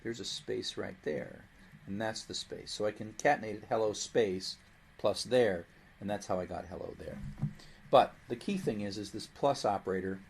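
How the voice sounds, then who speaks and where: A man's voice: lowish voice, moderate pace, vocal fry, a little hiss or hum. A man teaching programming in a recorded lecture, explaining patiently and voicing the computer in playful asides. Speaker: programming instructor.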